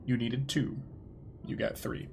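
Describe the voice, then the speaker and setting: A man running a tabletop game as game master, narrating in a relaxed, chatty way. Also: medium pitch, measured pace, gravelly, noisy background. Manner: relaxed, chatty, laughs easily.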